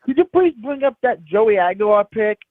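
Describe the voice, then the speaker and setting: A man's voice: high-pitched, lively intonation, normal speed, no echo. A man from Florida calling in to a sports talk show over the phone, joking and rambling through his points. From Crestview, Florida, US. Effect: heard over a phone line. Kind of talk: casual phone-in chat. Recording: tinny phone line, dry.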